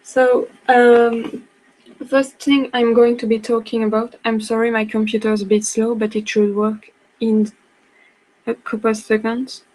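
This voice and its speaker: A woman's voice: fairly high pitch, little pitch movement, unhurried, a little mellow, rough recording. A young woman from France with a French accent, a non-native speaker, apologizing often and restarting sentences as she presents a live online workshop. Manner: apologetic, hesitant, many restarts.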